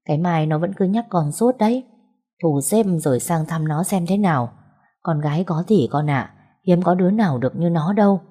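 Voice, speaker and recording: A woman's voice: on the low side, expressive, normal speed, warm tone, breathy edge. A woman reading the lines of an elderly mother who fusses and persuades her grown son. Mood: coaxing. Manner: chatty, persuading. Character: elderly village mother, doting and bossy.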